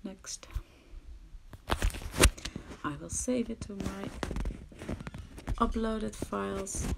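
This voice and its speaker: In a very noisy recording, a woman with a Dutch accent drawls through a casual screen-recorded crafting tutorial at someone else's home. Her medium-pitched voice has vocal fry and fairly even intonation. She is hesitant and self-deprecating, frequently dropping to a murmur.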